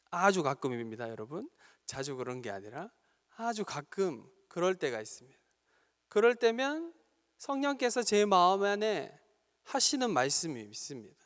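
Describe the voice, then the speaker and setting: A male pastor from Gyeongsang Province preaching an earnest, exhorting sermon to a youth service in a church sanctuary. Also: sits high. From Gyeongsang Province, Korea. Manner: earnest, exhorting, building to fervent appeals. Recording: long reverb of a church sanctuary.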